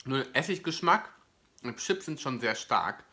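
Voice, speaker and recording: A man's voice: medium pitch, expressive, measured pace, pushed and bright. A man, chatting casually and enthusiastically to viewers as a food review host. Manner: enthusiastic, gushing. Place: indoor living room, seated on a sofa. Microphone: camera or phone at about arm's length.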